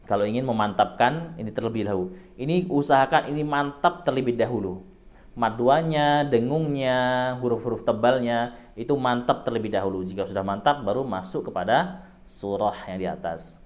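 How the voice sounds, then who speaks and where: A man's voice: medium pitch, moderate pace. A man teaching Quran recitation, patiently explaining how to pronounce each sound step by step. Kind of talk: tajwid lesson.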